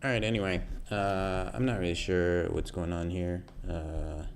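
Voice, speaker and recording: A man's voice: deep voice, steady tone, unhurried, a little hiss or hum. A man hosting a coding tutorial, hesitantly thinking aloud through source code with many fillers. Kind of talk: screen-recorded coding walkthrough.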